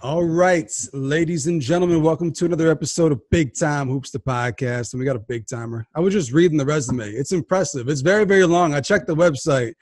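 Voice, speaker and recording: A man hosting a sports podcast, energetic and hyped, often restarting his sentences. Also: fairly high pitch, a little fast, few pauses, no echo, clean studio sound. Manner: energetic, hype host with frequent restarts. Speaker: podcast host.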